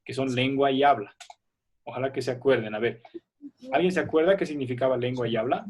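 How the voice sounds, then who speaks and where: A man's voice: mid-range voice, brisk, darkish tone, slight background noise. A man teaching a primary school class on a video call, patient and checking that students follow. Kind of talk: online class explanation.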